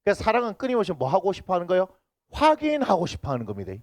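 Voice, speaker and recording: A man's voice: high-pitched, huge pitch swings, rapid-fire, no room sound, clean studio sound. A man from Busan with a Gyeongsang accent, preaching a sermon as a pastor and teasing and bantering with his congregation. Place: church sanctuary. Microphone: handheld microphone.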